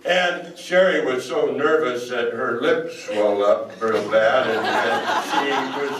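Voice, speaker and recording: A man's voice: medium pitch, slow, a bit bright, a little hiss or hum. An older man giving a folksy, anecdotal speech to an audience in a hall. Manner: folksy, anecdotal, quotes others in voices. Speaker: speaker. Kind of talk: storytelling speech. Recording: echoey hall, mic at a distance.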